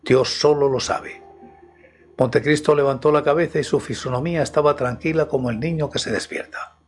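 Male audiobook narrator, steady literary reading. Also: a little high, fairly quick.

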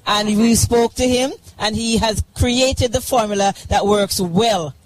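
A woman co-hosting a radio show, calm and affirming. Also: a little high, measured pace, a little hiss or hum, rough recording. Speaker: radio co-host.

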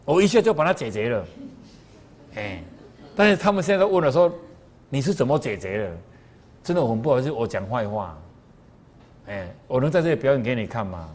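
A man's voice: mid-range voice, brisk, long pauses. A man giving a moral lecture to a class, telling stories in a colloquial way full of sentence particles. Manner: animated colloquial storytelling with frequent sentence particles.

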